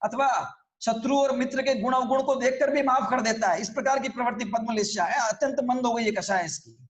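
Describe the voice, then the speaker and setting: A man's voice: very high-pitched, fairly quick, reverberant. A man teaching a religious scripture class, explaining in a conversational way and often checking that his listeners follow.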